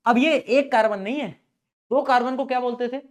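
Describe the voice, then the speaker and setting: In a very high voice and at a slightly fast pace, a young adult man explains chemistry as if at a chalkboard. He keeps it playful and talkative, joking around and calling his students "beta" and "bhai."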